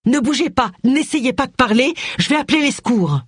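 A reader voicing a brusque, sharp-tongued woman amateur sleuth in an audiobook, speaking in a raised, urgent voice. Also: mid-range voice, animated, normal speed, husky, no echo, studio quality, voice pushed up.

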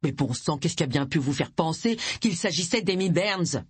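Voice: medium pitch, animated, moderate pace, slightly rough, no room sound. A narrator voicing a stern male police inspector who gives curt, commanding orders. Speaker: detective chief inspector.

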